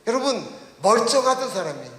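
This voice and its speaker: A man's voice: very high-pitched, sing-song, a little fast, fairly bright tone. A male pastor preaching a sermon, putting questions to the congregation and leading them through reading the text aloud. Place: church sanctuary. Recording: echoey church hall reverb.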